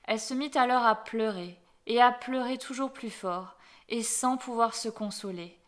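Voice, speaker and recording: Woman reading a fairy tale, gentle, voice a bit high, soft endings. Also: moderate pace. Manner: gentle, dropping low on phrase ends. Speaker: storyteller.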